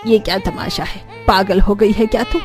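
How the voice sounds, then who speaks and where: A woman's voice: medium pitch, moderate pace, over music, natural voice. A woman voicing a devout older mother-in-law in a cartoon, indignant and scolding. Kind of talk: animated cartoon voice acting.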